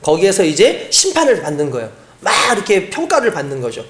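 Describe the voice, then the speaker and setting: A man's voice: a little high, fast, reverberant. A male pastor preaching a sermon, telling the story vividly and acting out the voices. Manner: animated storytelling with acted voices.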